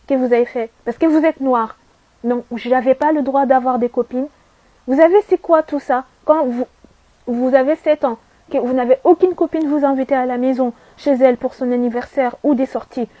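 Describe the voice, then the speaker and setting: A woman's voice: sits high, no echo, dull audio. A young adult woman who grew up in Saudi Arabia, giving an earnest, emphatic personal testimony with repeated phrases and rhetorical questions.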